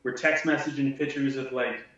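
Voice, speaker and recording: A man's voice: mid-range voice, flat delivery, moderate pace, a bit bright. A man speaking as an interview guest in a casual, joking way. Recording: echoey, distant, muffled.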